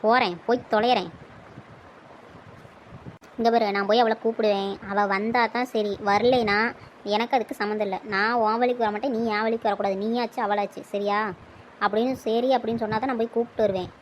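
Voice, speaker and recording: Brief: woman playing exasperated young village woman, highish voice, scolds and grumbles. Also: fairly even intonation, a little fast, slight background noise, natural voice, low-quality recording. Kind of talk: dubbed cartoon dialogue.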